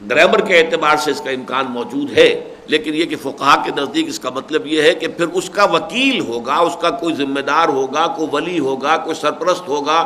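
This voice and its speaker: A man's voice: fairly high pitch, few pauses, sharp tone. An older man giving a religious lecture, reciting Arabic verses and then explaining them patiently. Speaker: Quran scholar giving tafseer.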